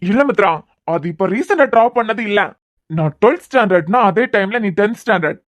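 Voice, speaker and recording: A man's voice: sits high, lively intonation, brisk, dry recording. A man voicing a teasing, persistent young man in a Tamil cartoon series with a Kanyakumari accent. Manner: teasing, pressing questions. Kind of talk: cartoon web series voice acting.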